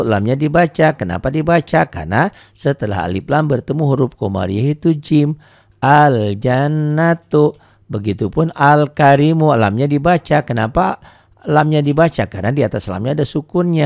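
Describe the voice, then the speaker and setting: Gravelly-voiced man teaching Quran reading. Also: mid-range voice, darkish tone, no room sound, clean studio sound. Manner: asks and answers his own questions, stretches out recited words. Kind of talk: beginner tajwid lesson.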